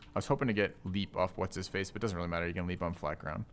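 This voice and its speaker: A man's voice: deep voice, steady tone, racing, slight background noise. A man streaming a strategy game, thinking aloud in casual commentary, puzzled and now and then swearing at the game's rules.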